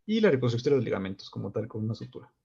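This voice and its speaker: A man's voice: mid-range voice, big pitch swings, very fast, creaky, mellow, slightly rough, muffled recording. A young man presenting slides in class, adding tag questions. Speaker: medical student presenting.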